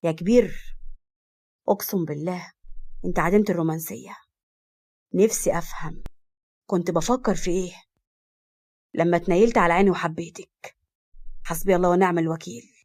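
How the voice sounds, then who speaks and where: A woman playing a flirty egyptian guy in an audio story, lowish voice, rattles off his lines quick. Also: a little mellow. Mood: mock outrage. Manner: teasing, dramatic complaining.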